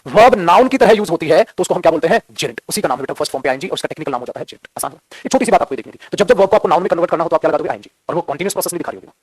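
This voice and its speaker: Man, grammar tutor; rapid, husky, drills points by repetition and rhetorical questions. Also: a little high, animated, no room sound. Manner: addresses students as beta, repeats key phrases, asks and answers his own questions. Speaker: English grammar teacher. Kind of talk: classroom grammar lesson in Hindi.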